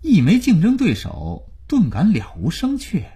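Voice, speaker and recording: A man's voice: high-pitched, wildly swooping pitch, measured pace, warm tone, husky, voice pushed up, heavily acted. A man voicing a cool, sardonic young man, talking dryly and teasingly.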